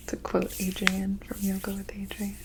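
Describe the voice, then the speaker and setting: A woman in a whispered role-play as an ASMR energy healer, with an airy, breathy whisper and a gentle, soothing, mystical manner. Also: medium pitch, level tone, slow pace, heavy background noise.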